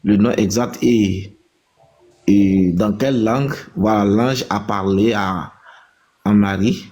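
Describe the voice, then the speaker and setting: A man taking part in a debate as a guest, answering in halting, hesitant phrases. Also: lowish voice, a little mellow. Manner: hesitant, halting, short replies. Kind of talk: live debate conversation.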